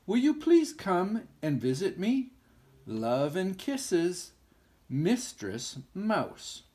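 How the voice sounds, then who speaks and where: A man's voice: high voice, huge pitch swings, drawn-out words, mellow, voice pushed up, heavily acted. An older man with a grandpa voice voicing a lonely, affectionate little female mouse in a storybook. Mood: pleading.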